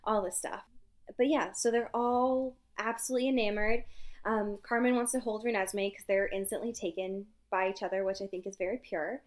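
Speaking briskly in a mid-range voice with a steady tone, this young woman is a podcast co-host chatting casually through a book's chapters. She laughs a lot and swears freely.

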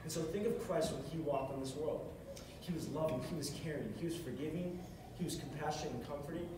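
Standing at a music stand on stage in a large carpeted hall, a young man preaches a brief, earnest sermon, repeating phrases to stress his points. His voice is fairly high and fairly quick. It's recorded by a camera far across the room, leaving echo and noise.

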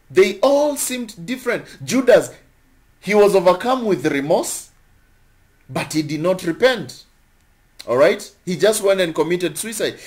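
A young man preaching a sermon in a lively, repetitive way, asking rhetorical questions and chuckling between points. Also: high voice. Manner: animated, repeats phrases, laughs between points. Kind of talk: sermon teaching.

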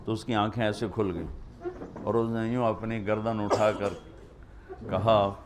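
Impassioned male preacher, drawn-out phrases. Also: on the low side, flat delivery, noisy background. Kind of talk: emotional sermon.

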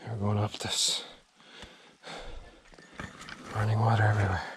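A man narrating casually while hiking a forest trail outdoors, relaxed and chatty, a little out of breath from climbing, recorded on a handheld camera mic. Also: lowish voice, slight background noise. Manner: relaxed, chatty, pauses between short remarks. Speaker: hiking vlogger.

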